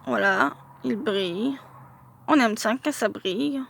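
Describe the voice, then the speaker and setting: Slow, hesitant woman. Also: on the high side, creaky, a bit bright. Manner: hesitant, frequent filler sounds, stumbles over English names. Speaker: card collector vlogger. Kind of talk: casual card showcase.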